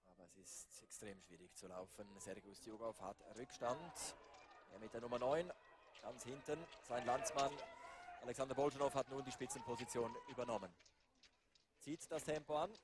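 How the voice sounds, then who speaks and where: A man doing live race commentary, building to excited calls near the finish. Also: mid-range voice, normal speed, noisy background. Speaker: sports commentator.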